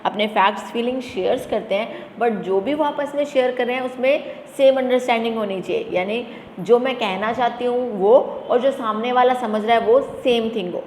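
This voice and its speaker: A woman teacher explaining a lesson to students, asking questions and answering them herself, and reading English definitions slowly. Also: a little high, darkish tone. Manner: addresses students as "beta". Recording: echoey room with faint background noise.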